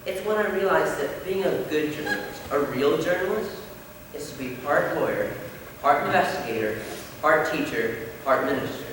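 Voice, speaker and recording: A young man playing an earnest male high school senior, giving a solemn, rousing stage speech. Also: animated, normal speed, lightly acted. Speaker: student actor. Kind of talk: stage play speech to a class. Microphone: distant room mic. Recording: echoey hall from far off, noisy.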